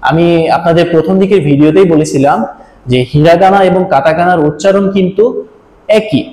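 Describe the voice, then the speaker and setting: A man's voice: a little high, fairly quick, mellow. A man teaching a step-by-step video lesson on writing Japanese letters, explaining patiently with small fillers. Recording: echoey room.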